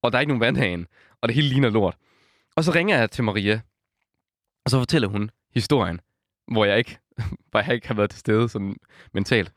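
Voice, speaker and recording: A young man co-hosting a podcast, telling a story in a casual, animated way and laughing often. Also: on the low side, no echo, clean studio sound. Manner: animated storyteller, acts out quotes, laughs a lot. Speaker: podcast co-host.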